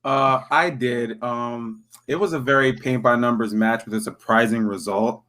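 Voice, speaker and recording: A man's voice: medium pitch, normal speed, a bit bright. Man with a worn-out voice, chatting. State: voice worn out from a weekend event. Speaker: podcast co-host. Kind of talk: casual chat, opinionated reviewing.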